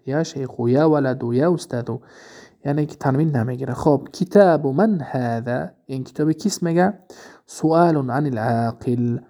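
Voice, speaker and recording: A man with a Tajik accent teaching Arabic grammar in a recorded lesson. He reads phrases slowly, translates them, and asks questions as he goes. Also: mid-range voice, mellow.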